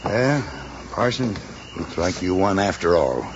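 An American actor playing a wary, gruff middle-aged rancher in an old-time radio western, with a terse, commanding manner. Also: male voice, low-pitched, very animated, a little slow. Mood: resigned. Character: wary, gruff rancher and father holding captives. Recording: muffled, noisy old radio recording.

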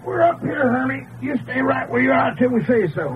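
An excitable American sidekick in a vintage radio adventure. His voice is high and leaps about with folksy, wry urgency. The old recording is tinny and full of noise. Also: normal speed. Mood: urgent. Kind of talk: 1940s radio adventure serial acting.

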